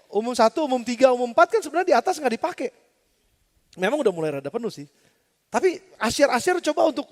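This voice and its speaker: A male pastor giving a lively storytelling sermon, addressing the congregation with rhetorical questions in a large church hall. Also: high-pitched.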